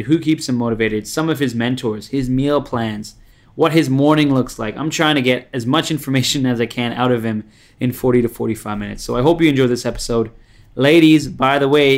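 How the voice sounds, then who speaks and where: Upbeat joking male podcast host. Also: medium pitch. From Canada. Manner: upbeat, joking, laughs often. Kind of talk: casual interview chat. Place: office.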